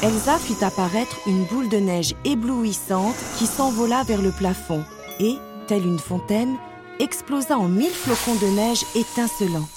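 A woman narrating a children's storybook at a calm, measured pace. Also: medium pitch, music in the background. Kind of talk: storybook read-aloud.

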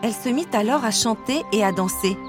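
A woman narrates a storybook in a smooth, even manner. Her voice sits a little high. Soft music plays faintly underneath. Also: fairly quick.

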